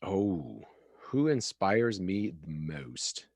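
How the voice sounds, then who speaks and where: A man's voice: deep voice, sing-song, very slow, dry recording, studio quality. A man hosting a casual live chat show, laughing easily and poking fun at himself. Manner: laughs often, chatty, self-deprecating. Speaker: show host.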